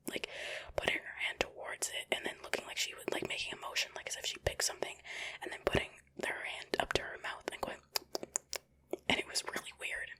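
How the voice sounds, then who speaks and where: Female ASMR host, crisp bright whisper, casual chatty reactions throughout. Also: low-quality recording. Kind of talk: whispered ASMR reading and chat.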